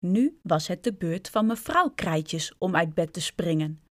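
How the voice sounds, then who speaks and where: A woman's voice: fairly low pitch, animated, measured pace, a bit bright, no room sound, clean studio sound. A woman reading a children's storybook aloud, speaking directly and expressively to young listeners.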